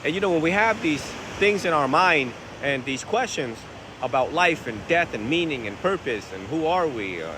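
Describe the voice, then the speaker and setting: Outdoors by the sea, a Buddhist monk from Vietnam records on his phone as he works through viewers' questions, with wind and waves plainly audible. His voice is a little high for a man, expressive and at a moderate pace. He keeps it casual and conversational, tossing in frequent rhetorical questions.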